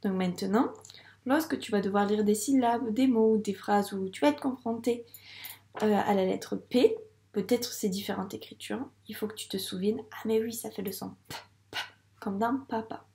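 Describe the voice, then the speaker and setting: A woman's voice: medium pitch, moderate pace, mellow, reverberant. A French-accented woman teaching young children to read, speaking patiently and sounding out syllables with care. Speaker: primary school teacher. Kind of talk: slow, clear teaching video for young children.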